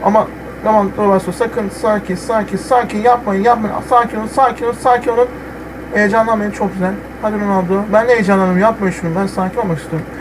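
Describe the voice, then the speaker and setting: A young man playing a football video game, commenting live and swinging from muttering to yelling at the players. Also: sits high, steady tone, fast talker, noisy background. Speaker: gamer.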